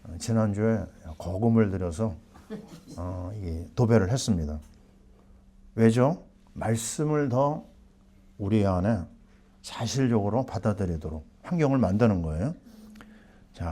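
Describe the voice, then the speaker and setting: A man's voice: on the low side, animated, measured pace, pauses often, dark tone. A middle-aged man preaching a sermon as pastor, asking the congregation questions and answering them himself.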